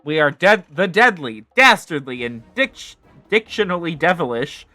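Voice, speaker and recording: Brief: pompous villain captain, florid and loud, higher than his usual voice, read by a streamer. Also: very animated, normal speed, dry recording, soft background music. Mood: boastful. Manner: grandiloquent, over-the-top bluster.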